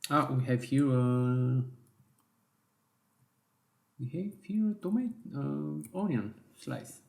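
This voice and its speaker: A man teaching a software design tutorial in slow, step-by-step instructions with small self-corrections, his voice worn and going hoarse. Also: mid-range voice, reverberant. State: losing his voice. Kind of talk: screen-recorded software tutorial.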